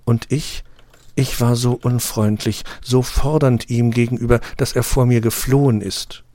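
A man's voice: mid-range voice, a little slow, a little mellow, no room sound, voice pushed up, lightly acted. A man reading an audiobook, voicing a proud, tender female rose flower that speaks formally and gets tearful. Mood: sad.

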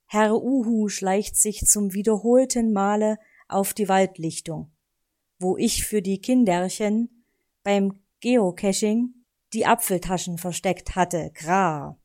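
A woman voicing a fussy, strict male raven who talks stiffly and formally and ends his sentences with a croak. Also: mid-range voice, slow pace, warm tone, close to an everyday voice. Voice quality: croaks a "gra" at line ends.

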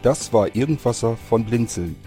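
A man's voice: medium pitch, lively intonation, moderate pace, mellow, soft background music. A man reading a friendly podcast outro with contact details. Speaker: podcast host.

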